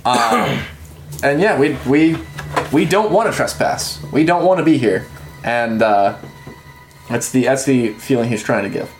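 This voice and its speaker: A man playing a tabletop game, talking casually and haltingly, often repeating himself. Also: medium pitch, music in the background. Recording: echoey room.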